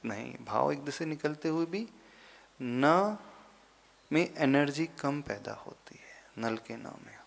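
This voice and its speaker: Slow, deliberate male monk preaching. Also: fairly high pitch, gravelly. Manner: slow, deliberate teaching with pauses and sudden emphatic rises. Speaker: Jain monk giving a discourse. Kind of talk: sermon.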